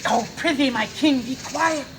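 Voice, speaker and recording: A woman's voice: high-pitched, moderate pace, lightly acted. A woman playing a wheedling, resentful monster servant on stage, declaiming in archaic English. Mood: wheedling, hushed. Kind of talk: live stage performance of Shakespeare. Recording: noisy live outdoor stage recording.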